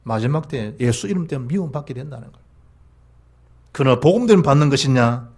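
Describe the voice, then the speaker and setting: A male pastor with a Gyeongsang Korean accent, preaching a sermon in an animated manner that rises to emphatic peaks and drops low. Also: quick pace, husky. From South Gyeongsang, South Korea.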